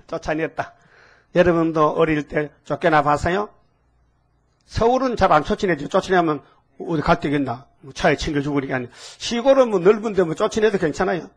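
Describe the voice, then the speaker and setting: A man's voice: a little high, a little fast. An older man with a preaching a folksy, scolding sermon and asking the congregation questions. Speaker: pastor.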